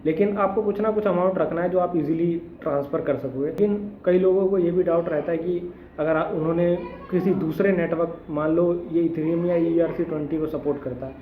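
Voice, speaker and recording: Speaking fairly quickly in a fairly high, fairly even voice, the crypto tutorial host explains things step by step in a relaxed screen-recorded session, mixing in English tech terms. He's a young man, and the recording sounds roomy, narrow and tinny, with slight background noise.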